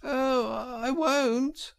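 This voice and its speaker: A man's voice: very high-pitched, steady tone, extremely slow, vocal fry, voice pushed up, heavily acted. A man voicing a boastful, self-pitying male toad in a storybook reading, with wailing, theatrical complaints. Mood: feeble wheedling.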